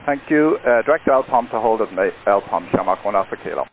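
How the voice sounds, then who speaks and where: Brisk male pilot over aviation radio. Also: fairly low pitch, lively intonation, narrow, tinny audio. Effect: radio transmission. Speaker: airline pilot. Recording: faintly noisy aviation radio.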